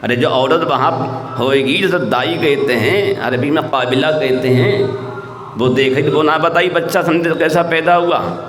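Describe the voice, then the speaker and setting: A man's voice: fairly high pitch, fairly bright tone. A male preacher gives a Friday sermon, often breaking off to quiz the congregation with short rhetorical questions. His voice rings out through a big reverberant hall, with long echoes trailing each phrase. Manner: rhetorical, quizzing the congregation with repeated "hein?"; recites Quranic verses.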